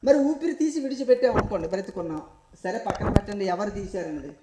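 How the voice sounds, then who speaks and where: Male spiritual speaker, very high pitch, devotional discourse, chants verses. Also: fast, echoey room, noisy background. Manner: rhetorical questions, chanted verses. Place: stage before a live audience. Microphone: handheld mic.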